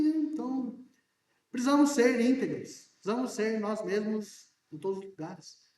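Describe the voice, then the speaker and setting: High-voiced pastor in an echoey church. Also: male voice. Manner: conversational, joking, asks the congregation questions. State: hard of hearing, talks loudly. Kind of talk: sermon. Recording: echoey church room from a distance.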